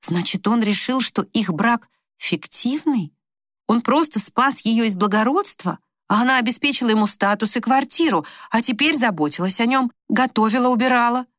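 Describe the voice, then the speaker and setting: A woman narrating an audiobook in an even, measured storytelling manner. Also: a little high, dry recording, clean studio sound.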